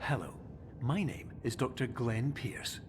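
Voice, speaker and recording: An actor playing an affable therapy doctor in a video game, giving polite, deadpan reassurance in scripted recorded announcements. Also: male voice, medium pitch, measured pace, noisy background, lightly acted. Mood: earnest, soothing. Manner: polite, blithely reassuring, deadpan about bad news. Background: background music.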